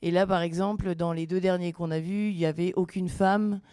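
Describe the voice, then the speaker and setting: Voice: mid-range voice, steady tone, a little fast, a little mellow, clear, resonant tone, dry recording. A person giving an informal, rambling explanatory answer in a colloquial, hedging way.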